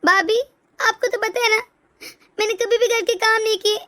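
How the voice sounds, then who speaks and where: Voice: extremely high pitch, steady tone, normal speed, pushed and bright. A woman voicing a sobbing, whiny young bride. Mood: tearful. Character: tearful spoiled young married daughter, complaining.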